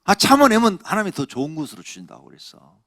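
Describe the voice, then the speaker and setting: A male pastor preaching a Friday night sermon in a church. He is emphatic, quizzes the congregation, and swings between loud exhorting and hushed asides. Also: high voice, huge pitch swings, quick pace, dry recording, clean studio sound. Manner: asks the congregation questions. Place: church sanctuary.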